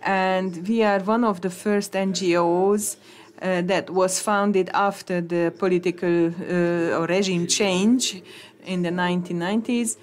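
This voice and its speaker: Woman interpreting a conference talk, low-ish voice, real slow and halting with lots of uhs. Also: steady tone. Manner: halting, many hesitations and restarts. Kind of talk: simultaneous interpretation of conference talks.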